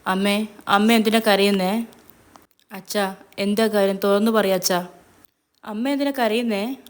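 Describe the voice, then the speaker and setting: A woman voicing a distraught grown daughter who pleads loudly and emotionally with her parents, read as a spoken storybook. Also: medium pitch, steady tone, measured pace, lightly acted. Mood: anxious.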